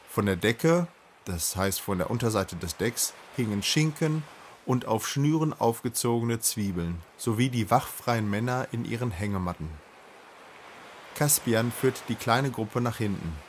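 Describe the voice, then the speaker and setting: Male audiobook reader, mid pitch, steady storybook narration. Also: a little hiss or hum. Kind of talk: reading a children's book aloud.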